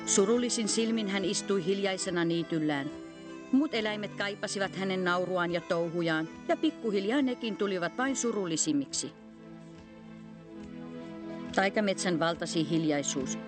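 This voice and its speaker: Expressive woman narrating a storybook. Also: mid-range voice. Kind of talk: scripted narration. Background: faint music.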